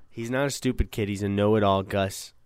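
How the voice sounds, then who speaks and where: A young man co-hosting a podcast, telling a high school story in a rambling, self-correcting way and swearing freely. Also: fairly even intonation, normal speed, clear, resonant tone, no echo, studio quality. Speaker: podcast co-host. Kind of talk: casual storytelling chat.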